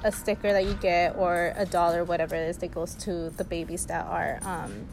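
A woman's voice: on the low side, steady tone, moderate pace, creaky, music in the background, low-quality recording. Chatty young woman with many fillers. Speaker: student discussing a film. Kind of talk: casual chat.

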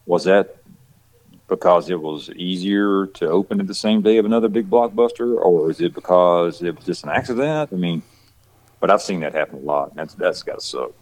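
A deep-voiced man from Georgia, USA, talks fairly quickly with a slightly mellow tone and a Southern country accent, captured on a low-quality recording. He's an actor guest in a casual podcast chat, rambling, repeating words, restarting, and saying "you know" a lot.

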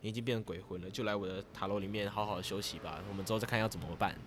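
A man doing a hurried Mad Hatter-like helper. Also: on the low side, steady tone, background noise, voice pushed down, natural voice.

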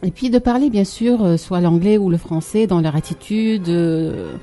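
A woman's voice: on the low side, moderate pace, warm tone, faint music behind. A woman from Lebanon co-hosting a casual talk segment, chatty, with frequent fillers and laughs. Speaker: co-host. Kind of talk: casual studio chat.

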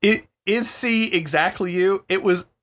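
A man's voice: high-pitched, unhurried, a bit bright. A man co-hosting a podcast in casual chat, playful and joking. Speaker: podcast co-host.

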